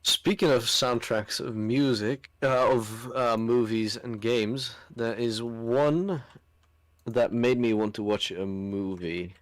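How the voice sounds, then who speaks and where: Slow talking guy, kinda hesitant, lots of uhs, dry close sound. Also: medium pitch, steady tone, dry recording. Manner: hesitant, many fillers. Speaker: friend on call. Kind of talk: casual chat.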